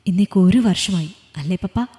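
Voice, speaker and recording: A woman voicing a young adult daughter in a storybook reading, soft and pleading. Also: on the low side, normal speed, in a large hall, natural voice. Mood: tender. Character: young adult daughter, tender then shattered.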